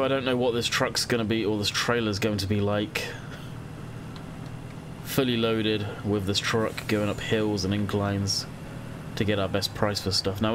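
Thinking aloud as he plays, a congested young gaming host chats casually in a fairly low voice, clearly nursing a cold. Background noise accompanies this let's-play commentary.

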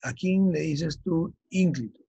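A man teaching a vocabulary lesson, his voice very husky and gravelly. He speaks a little higher than most men and keeps asking his class whether they follow. The sound is dry and close, with no room around it. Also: mellow, no room sound, dull audio. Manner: checks understanding with frequent "ya?"; slow, emphatic dictation of key terms. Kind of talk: vocabulary lesson for exam prep.

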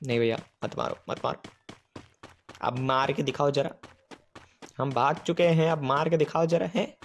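Excitable male streamer, fairly high voice, gunfire audible behind. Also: moderate pace, slight background noise. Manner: excitable, teasing enemies, rambling chatter. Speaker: gaming streamer. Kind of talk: live gameplay commentary. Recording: game gunfire sounds behind voice.

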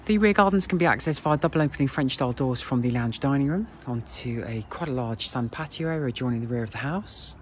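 A man's voice: mid-range voice, animated, quick pace, hardly any pauses, a little hiss or hum. A British man gushing through a property tour as an estate agent, in polished sales patter, recorded walking around an empty house. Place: inside and outside an empty new-build house. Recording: echoey empty rooms.

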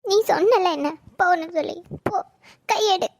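A woman's voice: very high-pitched, moderate pace, dry recording. A woman voicing a sulky, fierce young wife in a cartoon drama, reproachful and close to tears. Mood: tearful, reproachful. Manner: teasing then tearful, reproachful.

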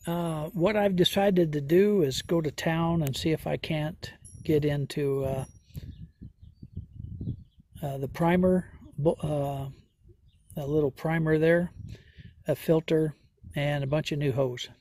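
A man doing a hands-on repair walkthrough outdoors, talking slowly and folksily with many fillers as he thinks aloud. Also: a little high, steady tone, mellow. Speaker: homesteader vlogger. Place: outdoors in a yard.

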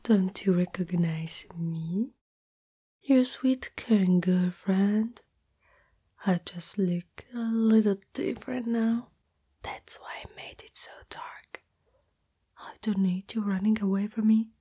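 A woman from Italy voices a young spider-girl who is in love, shy, and fearful of rejection, in an intimate ASMR girlfriend roleplay. She mostly whispers, very breathy, with a dark, mellow tone at medium pitch. Her speech is slow and hesitant, and the mood is tender and soothing.

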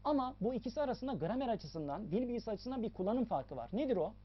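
This lo-fi, slightly dull recording captures a woman teaching English. She moves quickly and sounds lively and melodic, with big rises and falls in pitch as she emphasizes and repeats the main points.

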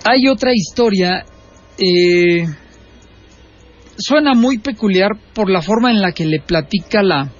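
A man's voice: high-pitched, slow, long pauses, faint music behind. A man hosting a late-night horror radio show, recounting stories in a conversational, hesitant way. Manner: conversational, hesitant, with many fillers. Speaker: radio host. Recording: lo-fi radio broadcast with faint noise.

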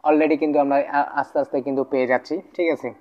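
A man's voice: on the high side, steady tone, fast. Man teaching words, repetitive, lo-fi sound. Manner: repetitive, checks in with "okay?". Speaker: language tutor. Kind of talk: casual lesson.

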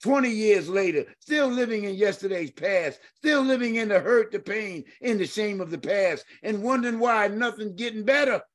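A middle-aged male pastor delivers a fervent sermon, his voice pitched high for a man. He repeats phrases for emphasis and calls out to his listeners as he preaches. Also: lively intonation, moderate pace, few pauses.

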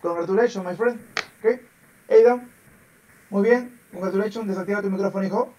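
A man's voice: high-pitched, moderate pace, dark tone, distant mic, lo-fi sound. A man teaching an online English class, patiently repeating words and phrases over and over for his pupils. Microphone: video call.

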